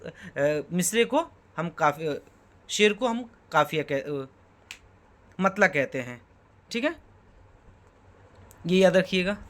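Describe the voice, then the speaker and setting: Spelling words letter by letter and checking in with "okay," an Urdu teacher works through poetry terms for exam prep while asking himself rhetorical questions. His voice sits high and sounds a bit bright.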